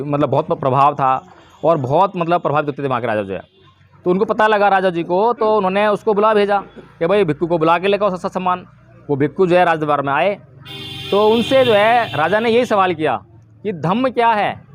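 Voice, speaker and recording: High-voiced man preaching dhamma. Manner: asks the listeners questions and answers them himself. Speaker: Buddhist preacher. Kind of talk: dhamma talk to a village gathering.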